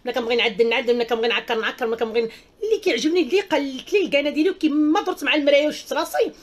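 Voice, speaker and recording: Fast-talking outspoken Moroccan woman. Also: high-pitched. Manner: outspoken and emphatic, with repeated exclamations. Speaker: host of a live stream. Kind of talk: casual live chat reading viewer comments.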